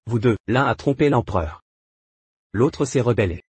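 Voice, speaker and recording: A stern prince handing down sentence, very raspy, formal, dry sound. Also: male voice, mid-range voice, animated, moderate pace, a little mellow, dry recording. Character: stern young prince passing judgment. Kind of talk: French drama dub.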